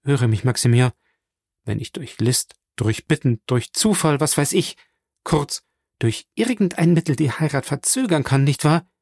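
A man's voice: a little high, animated, moderate pace, darkish tone, no echo, clean studio sound, voice pushed up. A man putting on a pleading young woman. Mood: resolute, fervent. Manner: pleading, tearful and fervent. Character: young woman in despair, pious and devoted.

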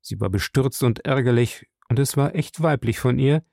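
A man narrating an audiobook in a lively, expressive reading style. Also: mid-range voice, normal speed, creaky, no room sound, clean studio sound.

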